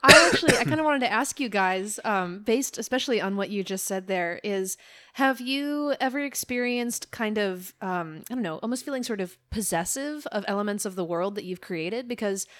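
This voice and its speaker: A woman's voice: mid-range voice, expressive, normal speed, a bit bright. A woman hosting a casual podcast chat, asking questions in a curious, chatty way.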